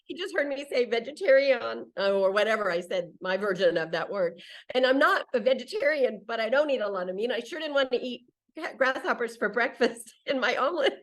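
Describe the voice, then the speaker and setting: Appearing as an interview guest, a solo-traveling woman in her 60s and a native English speaker shares casual conversational stories in a slightly high, expressive voice, fairly quick. She keeps interrupting herself and acting out what people said.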